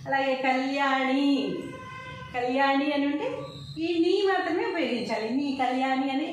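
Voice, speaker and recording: Echoey woman teaching slowly. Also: high-pitched. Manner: slow, drawn-out recitation of syllables. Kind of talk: lesson. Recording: echoey room, faint noise.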